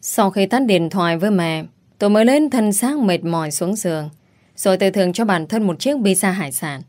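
A young woman narrating a first-person story in a wry, confiding, expressive way. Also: mid-range voice, fairly quick.

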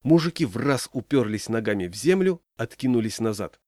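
A man narrating a story aloud in an expressive audiobook reading. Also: mid-range voice, moderate pace, dry recording, studio quality. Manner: lively storytelling, voicing characters.

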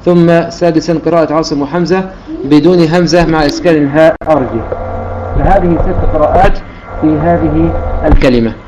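A man's voice: fairly high pitch, fairly even intonation, fairly quick. A man teaching a religious lesson, going methodically through each reading and repeating key points. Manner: methodical, repeats points, restarts words while counting. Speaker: Quran recitation teacher. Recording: dull lo-fi recording with faint hiss.

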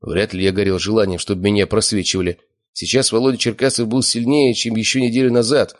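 A man with a fairly low voice narrates a first-person audiobook. His delivery is dry and sardonic, steady through long passages of story. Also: fast.

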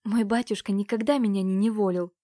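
A woman's voice: medium pitch, fairly even intonation, a little fast, dark tone, no echo, clean studio sound, natural voice. A woman voicing a stubborn, desperate eighteen-year-old noble girl who defies and then pleads with her uncle. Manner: defiant, pleading.

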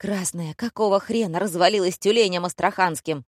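A woman voicing a loud, rude, bossy male theatre director who shouts mocking, theatrical insults in an audiobook. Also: on the low side, fairly quick, no echo, clean studio sound, lightly acted. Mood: barking, mocking. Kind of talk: audiobook character voice.

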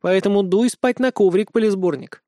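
A man's voice: high-pitched, moderate pace, warm tone, no echo, studio quality, voice pushed up. A man voicing a young, spoiled female dragon in an audiobook, purring and teasing. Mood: mocking.

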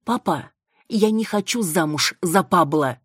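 A woman voicing a defiant, sharp-tongued young village woman who scorns an arranged match. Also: fairly low pitch, lively intonation, measured pace, slightly rough, no room sound, clean studio sound, voice pushed up. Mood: defiant scornful. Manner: scornful, cutting.

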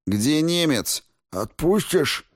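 A man's voice: a little high, big pitch swings, slow pace, no echo, clean studio sound, pitched above the performer's own voice, heavily acted. A man voicing an injured, bald male thug who lisps through a wrecked jaw and pleads in panic. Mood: scared, lisping. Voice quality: lisping.

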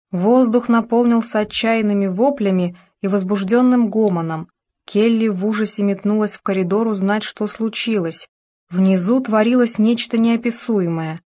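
A woman narrating an audiobook in a measured, even storytelling manner. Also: mid-range voice.

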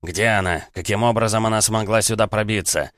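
A man's voice: on the low side, steady tone, fairly quick, a bit bright, dry recording, studio quality, voice pushed up, lightly acted. A man voicing an enraged, imperious male fallen angel who throws out accusations. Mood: outraged.

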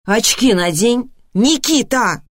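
A woman voicing a harried, sharp-tongued mother who scolds her son in a raised voice. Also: fairly high pitch, expressive, slow, dry recording, studio quality. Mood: scolding. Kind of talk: audiobook dialogue reading.

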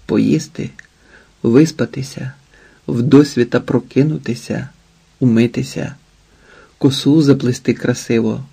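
A man reading an audiobook in a quiet, intimate, unhurried way. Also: mid-range voice, vocal fry, husky. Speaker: audiobook narrator. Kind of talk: scripted narration.

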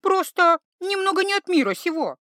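A woman voicing a soft-hearted young female herbalist who talks in a high, pleading, excitable way. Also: moderate pace, no echo, studio quality, full character voice. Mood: indignant.

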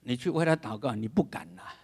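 An older male pastor delivers a sermon with drama, mimicking other people's voices, laughing, and shouting for emphasis. He speaks quickly and animatedly at medium pitch, with a slightly rough voice.

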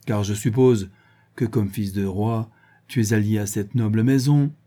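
A man doing Don Luis, a mocking gentleman adventurer. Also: fairly low pitch, unhurried. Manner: ironic, theatrical, taunting. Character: mocking, jovial gentleman adventurer, male, adult.

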